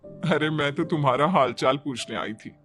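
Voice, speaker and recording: A man's voice: fairly high pitch, moderate pace, fairly bright tone, soft background music, pitched below the performer's own voice, lightly acted. A man voicing a friendly, polite middle-aged neighbour woman.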